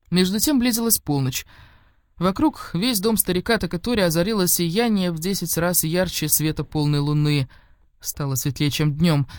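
A woman reading an audiobook of a fairy tale in a measured, expressive storytelling manner. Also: sits low, no room sound, studio quality. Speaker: audiobook narrator. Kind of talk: scripted narration of a fairy tale.

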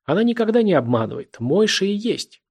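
A sly, insinuating young man who teases and prods his friend with mocking questions, as a male narrator puts him on. The voice sits raised above the reader's own and keeps a gravelly, husky grain. An audiobook figure full of needling insinuation. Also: high voice, very animated, brisk, voice pushed up, full character voice. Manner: mocking, insinuating, laughs a lot.

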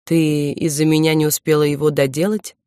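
Woman reading a calm, possessive young romantic lead, gentle, dry studio sound. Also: low-pitched, fairly quick, smooth, no room sound, natural voice. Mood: gentle probing. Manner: careful, soft-spoken, self-assured. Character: confident possessive young man, gentle lover.

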